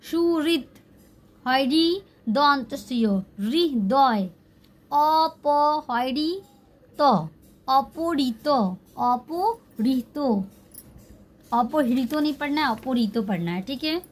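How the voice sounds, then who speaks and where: Female teacher, high register, slow and patient, repeating syllables for beginners. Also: lively intonation, slight background noise. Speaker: language teacher. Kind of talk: slow spelling-out lesson.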